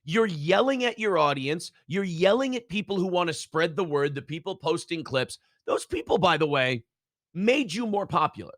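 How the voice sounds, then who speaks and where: Man, podcast host, fairly high voice, dry close mic, mocking rant. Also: moderate pace, no room sound. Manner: animated, mocking, ranting. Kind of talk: casual podcast chat.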